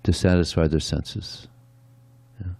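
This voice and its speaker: A man's voice: low voice, fairly even intonation, measured pace, mellow, breathy edge, no echo. A man giving a conversational devotional sermon, often adding "yeah" between points. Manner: conversational, frequent "yeah" asides. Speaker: speaker at a temple.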